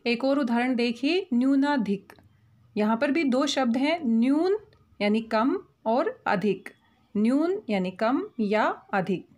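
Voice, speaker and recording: A woman with a fairly high, animated voice and darkish tone explains grammar over her slides. Patient and methodical, she slows down to spell out every example word.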